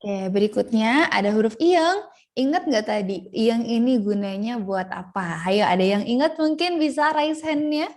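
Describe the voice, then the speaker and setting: A young woman teaching a Korean lesson over a video call, chatty and playful, slowly sounding out syllables. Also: a little high, lively intonation, a little mellow. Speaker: Korean language tutor. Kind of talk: online language lesson.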